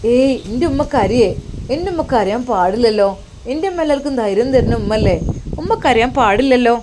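A playful, loving young man, as a woman storyteller plays him, coaxing and reassuring. The voice stays fairly high, close to the reader's own. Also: lively intonation, fairly quick, darkish tone, slight background noise, close to an everyday voice. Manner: joking, reassuring.

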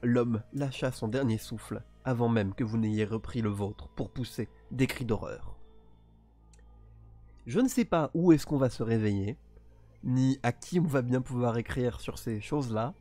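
A man at mid pitch reads grim tabletop horror narration in a steady storytelling voice, then slips into casual, teasing commentary. His asides sound playful and self-defensive, as if joking with viewers in a chat. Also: measured pace. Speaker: solo tabletop game player and streamer.

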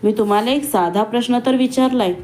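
A woman voicing a young female college student who talks in a quick, teasing and pointed way. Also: on the high side, darkish tone, natural voice. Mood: spirited.

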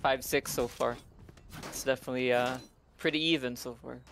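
A man's voice: medium pitch, steady tone, moderate pace, vocal fry, a bit bright, a little hiss or hum. A man casting an esports match in laid-back, hedging play-by-play commentary. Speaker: esports co-caster.

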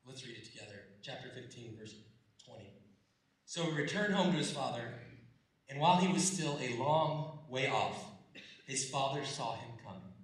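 A man preaching a sermon, telling the story with animated energy, acting out the characters' lines and swinging between hushed and loud delivery. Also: mid-range voice, moderate pace, very echoey, recorded from a distance, poor audio. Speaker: pastor. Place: church sanctuary.

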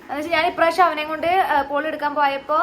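Chatty young woman vlogging fast. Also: high voice, fairly even intonation, a bit bright, a little hiss or hum, poor audio. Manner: emotional, chatty, addresses viewers directly. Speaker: vlogger and mother. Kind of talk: casual vlog chat.

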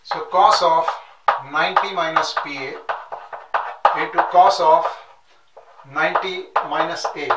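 Methodical and slow, a middle-aged nautical science instructor repeats numbers while writing step-by-step calculations on a classroom chalkboard. His pitch is fairly high. The echoey recording comes from a distant room mic, off-mic with his back frequently turned, and has clear noise.

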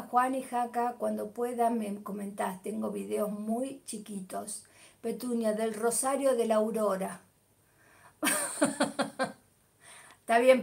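A middle-aged Argentine woman hosts a live chat, her voice pitched a little high. She reads out viewers' comments and greets them by name, bantering and warming up whenever football comes up. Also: gravelly. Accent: Argentine Spanish. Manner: chatty, answering viewers by name, animated about football. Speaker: livestream host.

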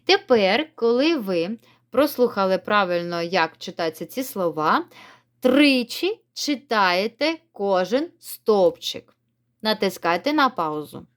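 A woman's voice: medium pitch, expressive. A woman teacher giving a recorded reading lesson for children, speaking in friendly, encouraging instructions. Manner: slow, clear word-by-word dictation.

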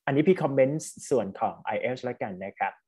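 A man's voice: mid-range voice, lively intonation, dark tone, slightly rough. A man teaching at a university, giving casual spoken feedback to a student over an online class and dropping English words into his talk. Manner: quick, chatty, mixes English words into speech. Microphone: online class call.

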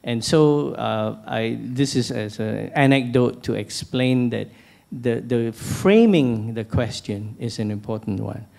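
A middle-aged man from Malaysia moderating a panel on stage in a large hall, speaking into a handheld mic in a measured, anecdotal way with frequent restarts. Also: medium pitch, vocal fry, darkish tone. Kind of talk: panel discussion, posing questions. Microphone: handheld microphone.

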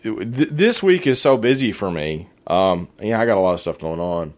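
A hoarse, raspy-voiced man hosting a casual faith podcast, talking in a laid-back, slangy, self-deprecating way. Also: fairly low pitch, lively intonation, normal speed, a little mellow. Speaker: podcast host.

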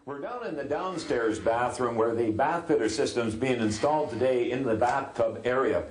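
A man's voice: medium pitch, moderate pace, crowd noise. An older man, hosting a home renovation show and chatting casually with tradespeople on site. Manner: folksy, upbeat, talks to the viewers as folks. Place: house under renovation, indoors.

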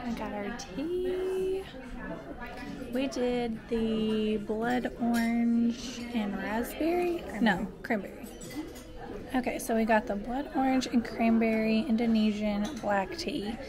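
A woman's voice: a little high, slow, crowd noise. A young woman chatting to her camera while walking outdoors, casual and upbeat. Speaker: vlogger. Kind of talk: casual vlog chat. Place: outdoors on a city street. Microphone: handheld camera at arm's length.

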